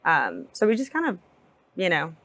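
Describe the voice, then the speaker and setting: A woman in her thirties, a real estate agent and mother chatting on a podcast in a talkative, animated way. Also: on the low side, moderate pace, no room sound. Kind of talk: casual podcast conversation.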